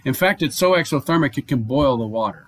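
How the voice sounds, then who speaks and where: Speaking at a medium pitch and a quick pace, a male chemistry professor delivers a recorded online lecture from his home or office. His explanations move steadily, peppered with fillers, false starts, and checks of "okay?"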